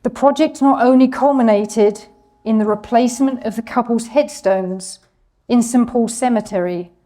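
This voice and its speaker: Presenter, female, reads a scripted history talk in a warm, mellow voice. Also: fairly high pitch, moderate pace. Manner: reads from a script, apologizes for her French pronunciation.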